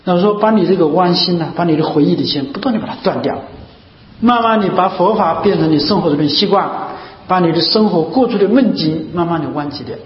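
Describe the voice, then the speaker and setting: A man's voice: high-pitched, fast talker, slight background noise. A man giving a Buddhist dharma talk, repeating phrases and asking rhetorical questions. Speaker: Buddhist teacher. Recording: echoey hall, dull lo-fi sound.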